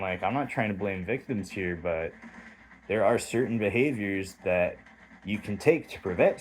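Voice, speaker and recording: Low-voiced man in a heated, profane rant. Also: a little hiss or hum, low-quality recording. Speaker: vlogger. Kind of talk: direct-to-camera monologue.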